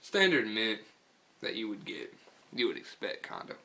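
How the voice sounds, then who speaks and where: Low-voiced American man, lip full of dip. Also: sing-song, moderate pace, pushed and bright. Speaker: product reviewer and storyteller. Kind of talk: casual profane vlog chat.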